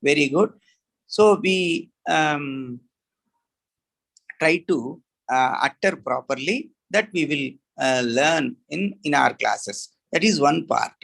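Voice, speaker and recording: A middle-aged man with an Indian English accent, teaching a Sanskrit class in a slow, halting way with many fillers and restarts. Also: fairly high pitch, lively intonation, vocal fry, fairly bright tone, rough recording. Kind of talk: online class lecture.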